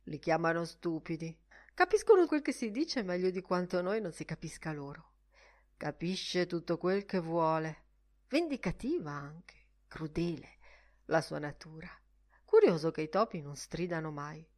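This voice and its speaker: A mild middle-aged man talking half to himself, musing and lightly teasing, as a woman narrator reads him. His voice sits low and relaxed in a storybook reading, and he lets his thoughts wander aloud. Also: moderate pace, close to an everyday voice. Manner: musing, mildly teasing, conversational.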